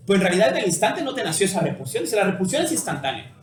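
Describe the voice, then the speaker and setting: A man with a Mexican Spanish accent giving a philosophy lecture in an animated way, ending many phrases with tag questions. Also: high voice, racing. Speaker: philosophy teacher. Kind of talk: university lecture. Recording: echoey room with faint noise.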